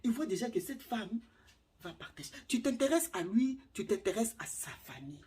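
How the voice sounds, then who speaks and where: Woman vlogger, middle-aged, casual advice monologue, very lively intonation, animated and theatrical. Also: on the high side, normal speed. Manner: animated, acts out little scenes, repeats words.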